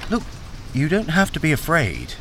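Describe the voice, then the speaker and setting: In a radio crime drama, an actor plays a weary, wary ex-soldier and miner, narrating in the first person and speaking dialogue with insistence and concern. His voice is a little high and a bit bright, with huge pitch swings at normal speed, over slight hiss or hum.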